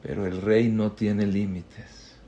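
Slow, emotive man preaching. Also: on the low side, little pitch movement, highs cut off. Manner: emotive, swings between loud outbursts and hushed tones. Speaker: religious teacher. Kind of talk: storytelling sermon.

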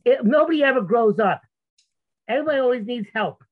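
A man's voice: extremely high pitch, expressive, fairly quick. Insistent man, phone-like sound. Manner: insistent, argumentative, stammering restarts. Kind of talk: religious debate, conversational. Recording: muffled, narrow phone-like sound.

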